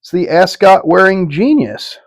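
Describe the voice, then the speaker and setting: A middle-aged man chatting casually through a whiskey tasting review, with a folksy, profane, halting delivery. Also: sits high, very animated.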